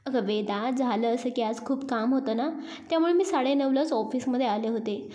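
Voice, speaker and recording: A woman voicing a shy young female office worker who speaks bashfully and softly. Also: on the high side, moderate pace, lightly acted. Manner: bashful, hushed, telling a story.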